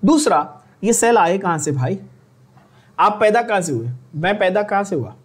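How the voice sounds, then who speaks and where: A young man with an Indian accent teaching a biology exam-prep lecture, chatty and joking, slowing right down to dictate key lines. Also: high voice, expressive, husky.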